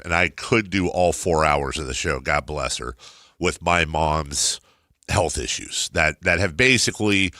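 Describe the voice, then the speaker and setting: A man's voice: sits low, sharp tone, no echo, clean studio sound. A middle-aged man with a stuffed-nose, very nasal voice, talking casually and ramblingly as a talk radio host, repeating words and poking fun at himself.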